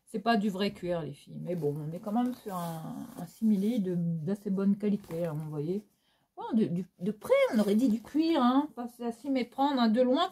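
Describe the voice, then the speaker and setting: A woman's voice: medium pitch, a little mellow, husky. A woman with a Réunionese French accent chatting casually in a fashion haul vlog, theatrical and full of laughs and fillers. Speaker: fashion vlogger. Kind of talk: casual haul chat to viewers.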